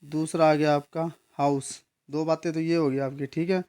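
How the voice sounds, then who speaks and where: A man gives an English grammar lesson. His voice sits a little high and sounds smooth and resonant. He explains patiently, keeps checking that his students follow, and slows down to spell words out letter by letter. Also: little pitch movement, darkish tone. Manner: explains patiently, repeats words and asks "ठीक है?".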